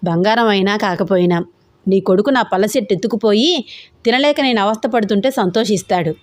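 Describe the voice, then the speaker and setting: A frail old mother-in-law who grumbles and scolds her family nonstop, as a woman storyteller puts her on. The voice sits at a middle pitch for a woman. It is heard dry and close in an audio story. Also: fairly quick, no echo, lightly acted. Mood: grumbling.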